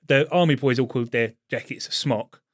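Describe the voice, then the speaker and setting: Ex-army bloke cohosting a podcast, blunt stories, talks fast, dry close mic. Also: male voice, mid-range voice, no room sound. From Britain. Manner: blunt storytelling army banter. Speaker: podcast co-host; British Army veteran, ex-tank crew. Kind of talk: casual chat.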